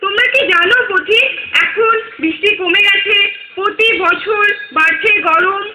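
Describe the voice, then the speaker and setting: A woman's voice: extremely high pitch, unhurried, heavy background noise. A woman voicing a grieving female nature spirit that speaks as a river and a tree, lamenting and preaching in rhyming verse. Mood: tearful pleading. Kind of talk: stage play acting. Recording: roomy echoey hall.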